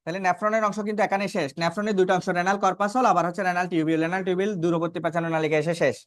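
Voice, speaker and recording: Man, biology teacher, rapid classroom lecture, dry close sound, asks and answers his own questions. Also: high voice, fairly even intonation, no echo. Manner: asks students questions and answers them himself; repeats key terms for emphasis.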